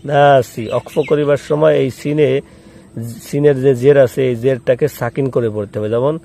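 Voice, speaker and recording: A man teaching Quran recitation step by step, spelling out each letter and vowel mark, then slowly chanting the word and patiently repeating the rules. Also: mid-range voice, steady tone, creaky, dark tone.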